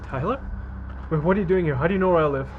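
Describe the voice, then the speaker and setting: A man's voice: on the high side, racing, phone-quality sound, a little hiss or hum, lightly acted. Casting: actor as wary, evasive man, suspiciously surprised, natural short-film dialogue. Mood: suspicious surprise. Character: wary, evasive man confronted at his home.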